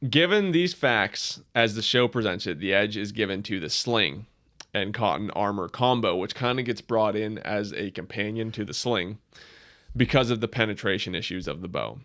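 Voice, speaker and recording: A man's voice: on the low side, expressive, moderate pace, fairly bright tone. A man hosting a casual podcast chat, leading the discussion with wry jokes. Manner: leads the discussion, wry and joking. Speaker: podcast host.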